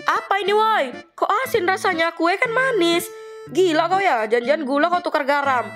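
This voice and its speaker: A woman's voice: very high voice, moderate pace, fairly bright tone, soft background music. A woman voicing Nes, a blunt, slangy teenage schoolgirl who loves gossip. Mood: annoyed. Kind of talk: casual role-play drama voices.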